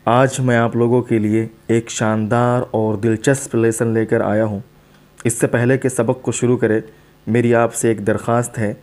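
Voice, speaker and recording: A man teaching English vocabulary to students, reading a story line by line and explaining each word slowly and with repetition. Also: mid-range voice, a little mellow. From South Asia. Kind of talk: teaching English to Hindi speakers.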